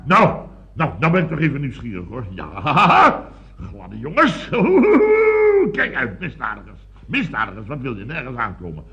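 A man's voice: medium pitch, huge pitch swings, unhurried, sharp tone, heavily acted. An actor playing a pompous, fussy rich businessman in a radio comedy sketch, blustering and theatrical. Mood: nervous. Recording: dull lo-fi old radio recording.

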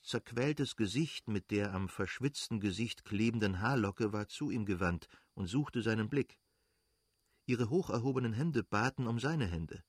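A man reading a literary novel aloud as narrator, measured and dramatic. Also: on the low side, dry recording. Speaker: audiobook narrator.

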